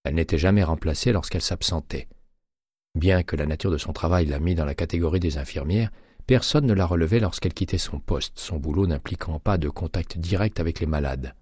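A very deep, husky male voice reads a novel aloud in scripted narration. His delivery is steady and measured. The sound is dry and close, with no room around it. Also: dry recording. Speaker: audiobook narrator.

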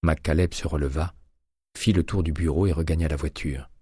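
Husky low-voiced male audiobook narrator. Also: dry recording, clean studio sound. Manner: measured, even, dramatic reading.

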